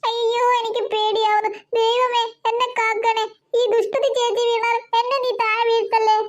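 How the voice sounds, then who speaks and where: Lady voicing a tiny scaredy cartoon girl, super squeaky, begging and whining. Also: fairly even intonation, normal speed, a bit bright, highs cut off, soft background music. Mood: scared, whiny. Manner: whining, pleading. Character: timid whiny little girl, afraid of escalators. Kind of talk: cartoon voice acting.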